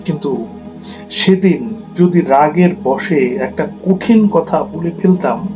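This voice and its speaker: A man telling a reflective story in a soft, measured narration voice. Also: on the high side, poor audio.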